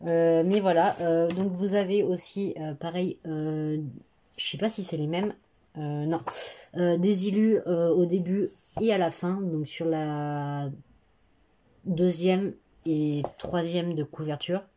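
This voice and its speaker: Teenage girl, casual book chat, low voice, hesitant and rambling, phone in a bedroom. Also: fairly even intonation, takes it slowly, warm tone. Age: teens. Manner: rambling, many hesitations and fillers. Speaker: booktuber. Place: bedroom at her parents' home. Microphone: phone camera.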